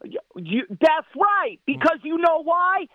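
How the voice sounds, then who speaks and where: A man's voice: extremely high pitch, very animated, takes it slowly, no room sound. A male caller from Worcester, talking eagerly and a bit muddled over a phone line. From Worcester, USA.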